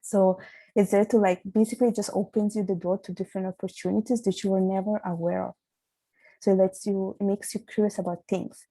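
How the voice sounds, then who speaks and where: A young woman with an Italian accent talks earnestly as a podcast guest, often stopping to restart her sentences. Her voice is mellow and carries a gravelly fry. The sound is close and dry, with no room echo. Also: mid-range voice, flat delivery, a little fast. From Italy. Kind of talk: casual interview talk.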